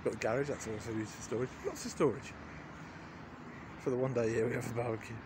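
Holding his phone at arm's length, a man in his forties strolls through a garden and rambles casually for his vlog, his humor dry and understated. He talks fast in a steady, medium-pitched voice, and there's background noise.

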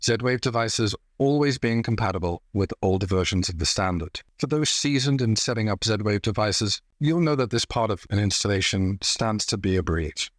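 Low-voiced man, dry close explainer. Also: expressive, moderate pace, hardly any pauses, no room sound. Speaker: tech reviewer host. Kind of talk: scripted explainer. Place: home room, indoors.

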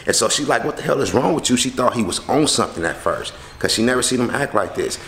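A young man telling a story casually to a handheld camera in and around his house, slangy and animated, acting out the people he quotes. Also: mid-range voice, fast, slight background noise. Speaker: vlogger. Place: house interior and front porch. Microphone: handheld camera close to face.

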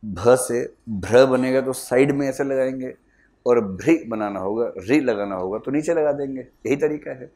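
A male teacher lecturing a big classroom with a middle pitch. He quizzes his students, calls them up to answer and drops amused asides. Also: moderate pace, darkish tone.

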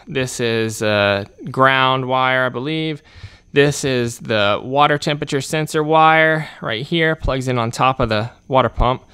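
Working with his hands in a workshop, the channel host talks casually through a repair tutorial. His voice sits at medium pitch and is unhurried, bright, forceful and smooth.

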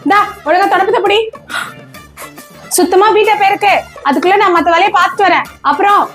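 A scolding cartoon mum, played by a woman, barks orders in an extremely high, piercing voice. Her talk is bossy and commanding, with faint music underneath. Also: brisk, a bit bright. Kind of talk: cartoon comedy dubbing.

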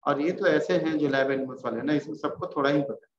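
A man's voice: on the high side, fast. A man with a Bihari Hindi accent giving an informal veterinary pathology lecture, reassuring and repeating key terms. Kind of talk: classroom lecture. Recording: roomy, dull, faintly noisy lecture recording.

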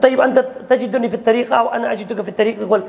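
A man teaching an online grammar class, his voice pitched high and rough with vocal fry. He calls on students by name, breaks off and restarts phrases, and stretches out words slowly when reading from the text. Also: fairly even intonation, darkish tone. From Kashmir. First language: Kashmiri. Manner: checks on students by name, halting restarts, slow drawn-out readings.

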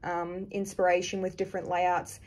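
A woman's voice: lowish voice, completely flat delivery, moderate pace, darkish tone. A woman giving a casual review with frank, chatty opinions that she often hedges. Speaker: planner reviewer.

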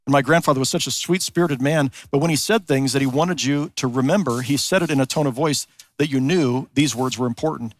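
A man's voice: mid-range voice, dry recording. Earnest man preaching a sermon. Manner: earnest preaching, slows for emphasis, rhetorical questions. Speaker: pastor. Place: large church sanctuary.

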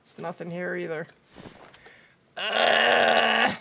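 A woman in her thirties livestreams a game from an indoor streaming setup, chatting casually to viewers and to the game itself. Her fairly high, bright voice is forceful and husky with vocal fry and drawn-out words, strained by a cold that's making her lose her voice.

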